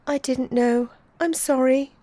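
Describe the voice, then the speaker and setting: Curious young girl, lifted high, warm and eager, as a woman reading puts her on. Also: steady tone, a little slow, no room sound. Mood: humble. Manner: chatty and eager.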